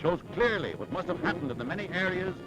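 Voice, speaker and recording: A man's voice: high voice, very animated, quick pace, music in the background, poor audio. A man narrating an old 1940s newsreel with an emphatic, dramatic announcer delivery.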